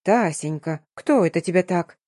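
A woman's voice: fairly low pitch, animated, normal speed, mellow, no room sound, studio quality. A woman voicing a fussy, kindly older school nurse in an audiobook, motherly and sing-song. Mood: fussing.

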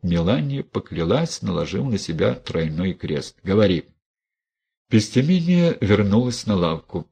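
A man narrating an audiobook in a measured storytelling manner. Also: on the low side, very animated, gravelly, warm tone, slightly rough. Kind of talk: scripted narration.

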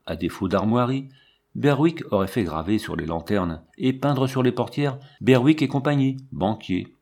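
Male narrator, literary audiobook, measured, expressive, lowish voice. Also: gravelly.

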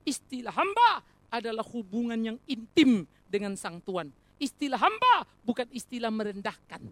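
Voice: mid-range voice, normal speed, no room sound. A preacher delivering a sermon, speaking directly to the congregation as brothers and sisters and mixing joking asides into earnest points. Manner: animated, rhetorical, addresses congregation as brothers and sisters.

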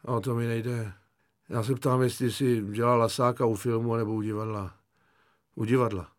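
A man voicing a calm, ironic young conscript in an audiobook, speaking slowly and deliberately with dry wit. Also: mid-range voice, dry recording, natural voice.

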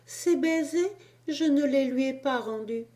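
A woman's voice: high-pitched, a little slow, warm tone, pitched above the performer's own voice. A woman voicing a grieving little boy's soul in heaven who begs to go home to his mother, tearful and pleading.

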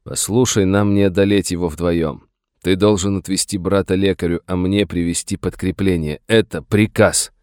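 Man reading as a gruff frontier sheriff, low voice, clipped orders, dry close sound. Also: fairly even intonation, moderate pace, darkish tone, dry recording, lightly acted. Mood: stern. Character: stern grizzled frontier sheriff, curt and commanding.

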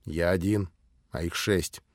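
A man's voice: low voice, fairly even intonation, measured pace, no echo, voice pushed down. A man voicing a small, sickly outcast boy in a storybook reading, sullen and defiant.

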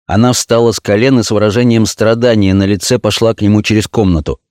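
A man narrating a novel as an audiobook reader, measured and low-key. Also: steady tone, a little mellow, dry recording, clean studio sound. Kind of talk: scripted narration.

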